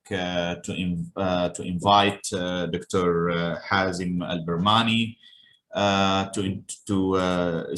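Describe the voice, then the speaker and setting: Low-voiced Arabic-speaking male moderator. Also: a bit bright, a little hiss or hum. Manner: courteous, halting introductions with many fillers. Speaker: workshop moderator. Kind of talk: formal online workshop hosting.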